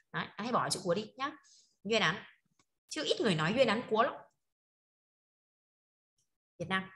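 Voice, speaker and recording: Female teacher, rapid patter, bright tone, online class, constant check-ins. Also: on the high side. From northern Vietnam. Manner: checks in constantly with short tag questions, laughs often. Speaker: Chinese teacher. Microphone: online video call.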